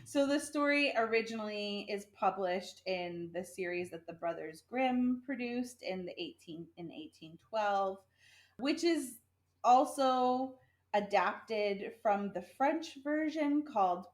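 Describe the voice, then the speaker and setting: A woman's voice: medium pitch, reverberant. Giggly chatty woman podcaster. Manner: chatty, giggly, self-correcting. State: pregnant. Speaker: podcast co-host retelling the tale. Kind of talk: casual chat.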